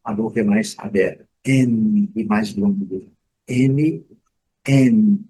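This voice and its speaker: A man from Brazil giving a casual, unscripted pronunciation lesson, full of fillers and restarts, repeating example words slowly. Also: lowish voice, steady tone, dark tone, breathy edge, rough recording. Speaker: English teacher.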